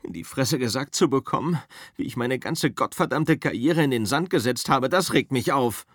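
A man's voice: medium pitch, animated, normal speed, fairly bright tone, dry recording, studio quality, pitched above the performer's own voice. A man reading an audiobook, voicing a bitter, hot-tempered male actor who rants and curses about his failing career. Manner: angry, cursing, ranting. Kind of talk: audiobook character voice.

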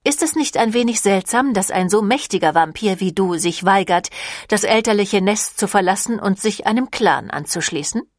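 A woman voicing a seductive, ancient female vampire clan leader in an audiobook, with a silky, teasing manner that drops into breathy whispers. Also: medium pitch, expressive, moderate pace, no echo, clean studio sound, natural voice. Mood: coaxing. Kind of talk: audiobook reading.

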